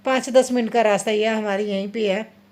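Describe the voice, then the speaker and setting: A woman's voice: medium pitch, steady tone, brisk, a little mellow. A woman in her thirties chatting casually to viewers in a home vlog, talking her way through kitchen chores. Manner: chatty, addresses viewers directly. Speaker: vlogger mother.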